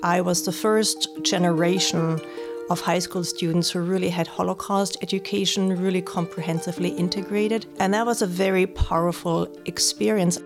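German-born woman professor in her 50s, low creaky voice, music bed underneath. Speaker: professor of political science. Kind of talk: reflective podcast interview.

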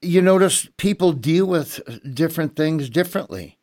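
A man chatting casually and telling stories, animated and laughing often. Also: a little high, moderate pace, no room sound, studio quality. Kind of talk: casual chat.

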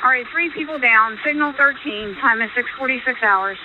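A woman police dispatcher heard over a police radio, brisk and businesslike, calling out codes and times. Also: sits high. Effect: police radio transmission. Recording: tinny radio with static.

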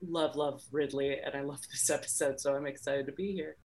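A woman's voice: rumbling low, fairly even intonation, brisk, darkish tone. A woman guest on a podcast, talking enthusiastically about her past work. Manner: enthusiastic, gushing. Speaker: podcast guest, former network executive. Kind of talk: casual podcast chat.

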